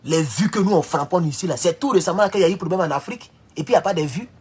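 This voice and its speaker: A man talking to viewers in a casual live-stream monologue. He rambles and swings between loud, high outbursts and low mutters. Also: expressive, racing, husky.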